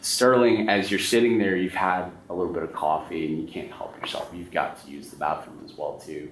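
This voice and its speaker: A man with a low, fairly bright voice narrates a tabletop horror game as game master, informal and descriptive. He speaks fairly quickly with fairly even intonation, and the recording has roomy echo and background noise.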